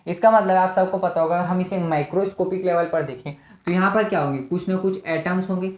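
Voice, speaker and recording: A man's voice: high voice, fairly even intonation, a little fast. Male tutor, casual exam-prep lesson, asks and answers his own questions, repeats words, echoey room. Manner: keeps asking rhetorical questions and answering them himself. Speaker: physics tutor. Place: indoor room, teaching at a marker board.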